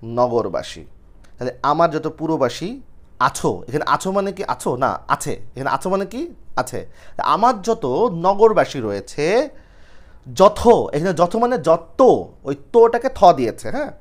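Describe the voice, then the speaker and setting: A young male teacher walks students through an old poem, asking questions and answering them himself. His voice sits a bit high and swings widely in pitch. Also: sing-song, unhurried. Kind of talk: explaining a poem line by line to students.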